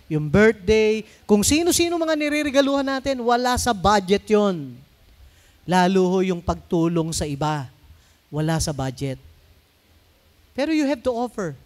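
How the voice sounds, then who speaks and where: A middle-aged Filipino man preaching a sermon in a conversational way, mixing in English phrases and asking the congregation to answer him. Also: sits high. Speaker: pastor.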